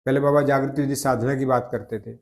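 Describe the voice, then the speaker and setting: An older man speaks as an interview guest at a medium pitch. He recalls old times in a slow, reflective way and often stops to correct his own words partway through a sentence. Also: steady tone, a little mellow. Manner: measured and reflective, with frequent self-corrections. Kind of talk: reminiscing conversation.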